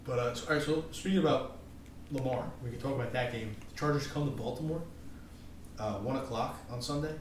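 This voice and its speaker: A man's voice: mid-range voice, a little fast. A young man co-hosting a podcast, chatting loosely about sports with plenty of swearing and restarts. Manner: loose, profane, restarts often. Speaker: podcast co-host. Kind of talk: casual sports chat. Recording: echoey room from far off, noisy.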